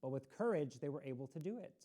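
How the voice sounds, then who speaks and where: Reading a picture book on community TV storytime, a woman talks fast in a low, dark, expressive voice. She speaks directly to the children and offers them encouragement from the studio.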